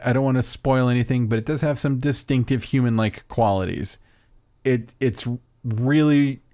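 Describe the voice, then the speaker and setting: In a dry, studio-quality recording, a man with a medium, slightly mellow voice chats casually as a podcast co-host. He's enthusiastic about a film he adores, wandering off topic and breaking into his own sentences.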